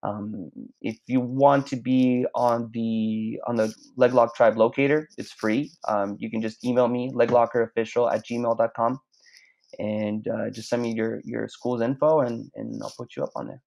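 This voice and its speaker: A man's voice: medium pitch, steady tone, moderate pace, gravelly, a little mellow. A man from Mexico, a podcast guest, talking casually and rambling with many restarts. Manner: rambling, frequent restarts and stammered repeats. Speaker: guest, clothing brand owner. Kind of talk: casual chat. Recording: slightly dull lo-fi sound.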